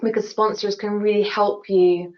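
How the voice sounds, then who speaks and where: An award-winning engineer from Glasgow, Scotland, this woman is a webinar guest answering questions earnestly in a Glasgow accent, repeatedly restarting and saying "you know." Her mid-range voice is flat and darkish at a normal speed, and the audio is dull and lo-fi.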